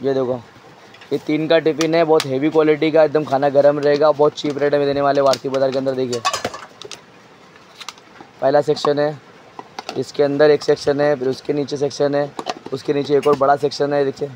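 A man showing stock in a crowded wholesale storeroom, briskly listing items and prices and telling a helper what to hold up. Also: on the high side, level tone, background noise. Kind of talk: walk-through product showcase.

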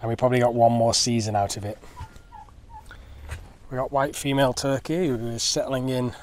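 A man's voice: mid-range voice, fairly even intonation, brisk, a little hiss or hum. A man chatting casually and upbeat to camera for his family vlog, outdoors in a rural village and garden. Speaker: family vlogger.

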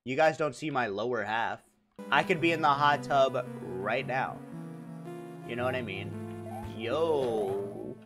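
A man's voice: medium pitch, takes it slowly. A young man live-streaming a platform game, chatting casually with his viewers, joking, laughing and venting his frustration. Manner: laughing, exasperated, joking with chat. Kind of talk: casual live-stream chat while gaming. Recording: game music playing under the voice. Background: loud video game music.

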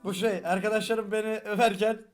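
Young guy w regional turkish accent, quick jokey game commentary, highish voice, faint music behind. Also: little pitch movement. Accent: Turkish regional dialect. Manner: fast-talking, joking, swears often. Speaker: gaming video host. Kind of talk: casual reaction commentary.

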